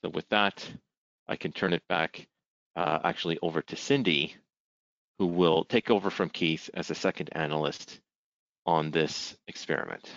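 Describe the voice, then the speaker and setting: A man with a very low, creaky voice narrates a screen-share software demo step by step. The sound is dry and dull, like lo-fi video call audio from a screen recording. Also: fairly even intonation, normal speed, dry recording. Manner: step-by-step, methodical. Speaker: software presenter.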